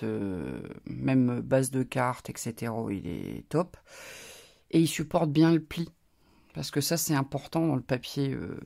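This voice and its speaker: A rumbling low, gravelly voice with a dark tone belongs to this crafting YouTuber. With a northern French accent, she rambles casually and keeps adding asides while displaying her crafting purchases in a haul video.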